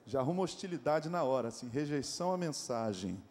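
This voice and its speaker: Animated Brazilian pastor preaching in an echoing church. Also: male voice, medium pitch, a little fast. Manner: animated, joking, asks the congregation rhetorical questions. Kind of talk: sermon. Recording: echoey church hall.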